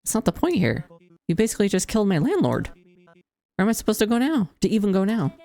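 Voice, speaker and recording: A woman voicing a homeless young housemate in a game, indignant, flustered and quick to protest or plead. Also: medium pitch, very animated, warm tone, soft background music, voice pushed up.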